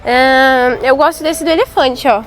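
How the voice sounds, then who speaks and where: A woman filming a casual vlog on her phone in a supermarket aisle, talking excitedly with playful mock alarm. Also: high-pitched, measured pace. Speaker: mother filming a family outing. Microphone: handheld phone camera. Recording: noisy store ambience.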